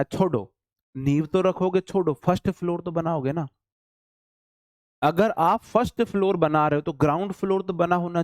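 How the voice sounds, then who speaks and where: A man's voice: fairly high pitch, a little mellow, no room sound, clean studio sound. A man with a Hindi accent teaching an online English class, chatty and teasing his students. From India.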